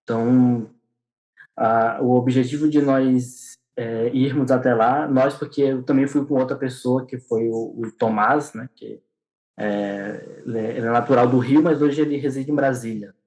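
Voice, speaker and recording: A young man speaks in a casual interview. His voice sits in the middle of the male range, and he pauses often, restarts his sentences and leans on small fillers as he tells his story. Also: mid-range voice, steady tone, a little mellow, low-quality recording. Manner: hesitant, many restarts and fillers. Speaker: podcast guest.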